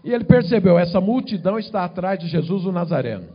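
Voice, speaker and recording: A man preaching a sermon in short phrases, pausing after each one so an interpreter can repeat it. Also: high-pitched, lively intonation. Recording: dull lo-fi sound.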